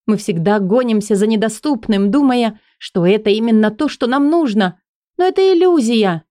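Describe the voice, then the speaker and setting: A woman voicing a torn young woman in an audiobook, speaking high and breathless as she pleads. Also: lively intonation, moderate pace, dark tone, no room sound, studio quality, natural voice. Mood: tender pleading.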